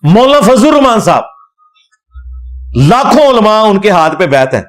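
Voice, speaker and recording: Lecturing on religion, this Islamic scholar's voice sits high. He is animated and scornful, and he weaves in recited Arabic verses along the way.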